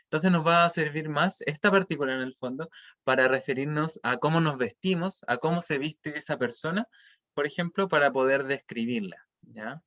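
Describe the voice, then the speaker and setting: A man's voice: a little high, normal speed, a bit bright, highs cut off. A man teaching an online language class, explaining patiently and checking often that students follow.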